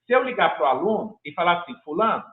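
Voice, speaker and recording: High-voiced Brazilian man on tinny call. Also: sing-song, fast. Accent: Brazilian Portuguese. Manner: rambling, hesitant, frequent restarts. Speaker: master's candidate defending his project. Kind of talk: academic thesis defense answer. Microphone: video call. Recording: tinny video-call audio.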